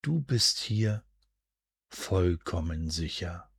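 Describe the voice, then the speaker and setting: A man guiding a sleep hypnosis in a soothing, hushed, deliberate way, with a soft breathy voice and drawn-out pauses. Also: sits low, lively intonation, dry recording, studio quality. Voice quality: breathy, soft, at times near a whisper. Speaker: hypnosis and relaxation guide. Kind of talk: guided sleep hypnosis, scripted narration.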